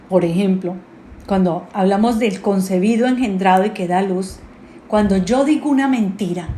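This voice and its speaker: A woman preaching a sermon, often pausing to ask her congregation rhetorical questions. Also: on the high side, darkish tone. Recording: echoey room with faint noise.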